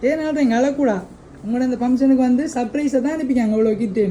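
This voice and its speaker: A woman's voice: sits high, fast talker, mellow, slight background noise, low-quality recording. A woman hosting a birthday surprise delivery, coaxing a child with repeated questions.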